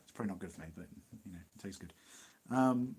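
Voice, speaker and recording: An East Midlands English man with a slightly husky voice talks through viewer questions in a loose, chatty way. His sentences wander and restart, and he laughs easily as he goes. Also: deep voice, quick pace, a little mellow. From Nottinghamshire, England. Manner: rambling, chatty, laughs often. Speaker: livestream host. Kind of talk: casual live Q&A chat.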